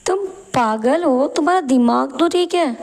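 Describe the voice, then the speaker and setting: Cartoon bride, young, arrogant and insulting, raised gravelly voice, done by a woman. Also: sits high, expressive, a little slow, a little mellow. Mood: contemptuous. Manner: snooty, contemptuous.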